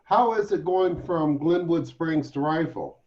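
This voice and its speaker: Muffled audio from a slightly distant microphone carries a man's voice, a little high in pitch. He chats casually on a video call. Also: measured pace, darkish tone. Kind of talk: casual group chat.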